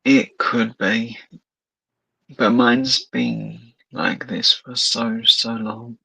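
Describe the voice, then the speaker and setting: Slow, husky, gravelly man in pain. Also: medium pitch, steady tone, pushed and bright, no room sound, low-quality recording. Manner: slow, weary, hurting. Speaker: panel guest. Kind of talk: casual live-stream chat.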